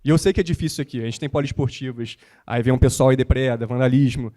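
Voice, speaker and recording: A young man from Rio de Janeiro, speaking as a guest on a panel and talking in an animated, motivational, slangy way. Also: mid-range voice, quick pace. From born in the United States, raised in Rio de Janeiro. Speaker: guest, basketball content creator. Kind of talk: panel talk on stage.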